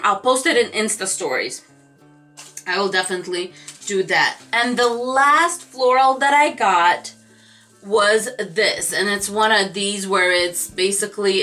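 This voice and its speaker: Woman doing a chatty craft haul vlog, crisp bright voice, keeps saying you guys, light music behind. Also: mid-range voice. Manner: gushing, chatty, addresses viewers as "you guys". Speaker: craft vlogger showing a shopping haul. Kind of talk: casual chat to camera.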